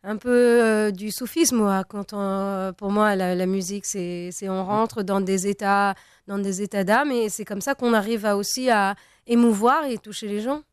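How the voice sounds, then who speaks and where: A woman's voice: mid-range voice, fairly even intonation, moderate pace, clean tone, dry recording, studio quality. A young Tunisian woman, a native Arabic speaker, answering interview questions as a singer, speaking hesitantly with many fillers and restarts. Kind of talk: interview conversation.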